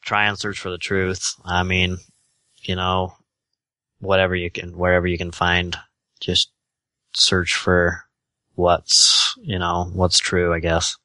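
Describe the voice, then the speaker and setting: A man with a Utah accent giving casual, halting, tentative answers as an interview guest. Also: sits low, completely flat delivery, bright, forceful tone, no echo.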